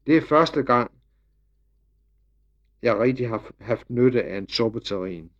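A man's voice: mid-range voice, lively intonation, highs cut off, lightly acted. A man voicing a cheeky, curious little farm boy.

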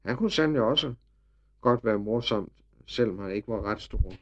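Man narrating a storybook, slightly dull sound. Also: on the low side. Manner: lively, expressive storytelling. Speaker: audiobook narrator.

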